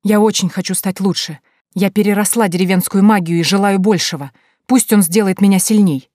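A woman's voice: lowish voice, a little fast, darkish tone, dry recording, clean studio sound, lightly acted. A woman voicing an ambitious young witch in an audiobook, speaking in a raised, emphatic and pressing way. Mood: eager. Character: young ambitious witch, eager, later cold and defiant.

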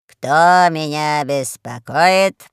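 Woman putting on a deep-voiced lazy crime boss, slow drawl, storybook reading, dry sound. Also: smooth, no room sound, exaggerated voice. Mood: lazy, menacing. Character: lazy, fat, menacing male crime boss.

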